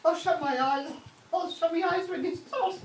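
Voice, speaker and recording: Giggly high-voiced woman, off in an echoey room. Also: normal speed, a little hiss or hum. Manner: giggly, struggling to keep a straight face. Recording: echoey, distant room sound.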